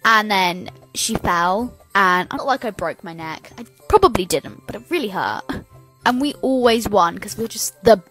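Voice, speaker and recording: A woman's voice: mid-range voice, animated, normal speed, fairly bright tone, faint music behind, poor audio. A young woman rambling casually through a school memory. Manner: rambling, laughing along. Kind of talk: casual storytime.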